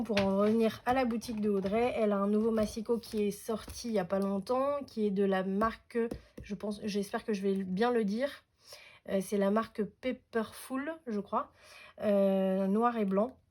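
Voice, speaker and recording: A woman's voice: medium pitch, a little mellow, a little hiss or hum. A woman hosting a casual scrapbooking tutorial at home, chatty and hesitant, with many fillers.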